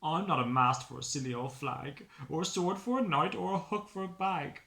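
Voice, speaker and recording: A man voicing a small, indignant, homesick stick man from a picture book, protesting in insistent, drawn-out chants. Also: a little high, vocal fry, pushed and bright, reverberant. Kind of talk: rhyming picture-book story voice.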